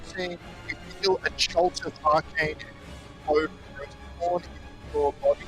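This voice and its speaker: Guy on a choppy video call, audio keeps breaking up, bright forceful voice, narrating his spell. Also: on the high side, flat delivery, moderate pace, faint music behind, low-quality recording. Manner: describes his character's spell effects plainly. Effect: audio breaking up and cutting out on a glitchy video call. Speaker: player. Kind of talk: tabletop game play over a video call. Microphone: computer mic on a video call.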